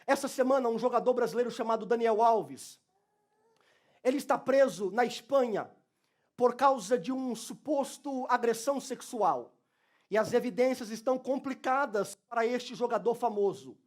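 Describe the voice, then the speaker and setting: A male pastor preaches in church. His voice sits very high for a man. He moves from quiet, close talk to shouted, fervent lines. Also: moderate pace. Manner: passionate preaching, swings from soft to shouted. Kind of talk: sermon.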